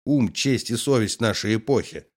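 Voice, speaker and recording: A man's voice: mid-range voice, moderate pace, lightly acted. Man voicing a scornful stern army colonel. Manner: sarcastic, scolding, firm.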